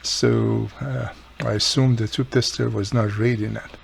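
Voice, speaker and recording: In his own how-to video, a man who repairs radios as a hobby talks informally through each step as he works on the job. He speaks at a measured pace in a lowish, creaky voice with little pitch movement, against slight background noise.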